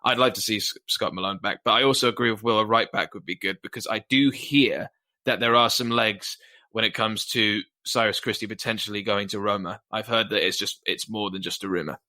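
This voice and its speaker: A man's voice: lowish voice, steady tone, brisk, pushed and bright. A man giving rambling, hedging opinions as a panelist on a casual football fan podcast.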